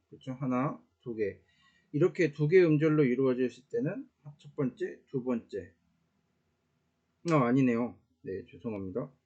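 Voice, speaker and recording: A man gives a casual online Latin grammar lesson in a warm, mellow voice. He explains step by step, pausing on "uh" fillers and correcting himself now and then. The recording sounds dull and lo-fi. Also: mid-range voice, creaky. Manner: explains slowly with many "uh" fillers and self-corrections.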